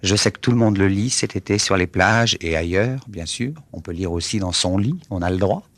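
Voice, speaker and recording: A man's voice: low voice, moderate pace, a bit bright, no room sound. A man hosting a radio show, friendly and a little hesitant as he speaks to his guest. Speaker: radio host.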